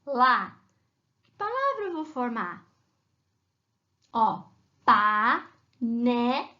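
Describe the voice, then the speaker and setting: A woman's voice: sits high, a bit bright, dull audio. A woman teacher talking children through a worksheet in a remote class, patient and sing-song when she reads the rhymes aloud.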